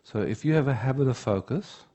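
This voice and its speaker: A man giving an unhurried spiritual teaching talk at a retreat. He often checks in with the room by asking "yeah?". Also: medium pitch, animated, dark tone.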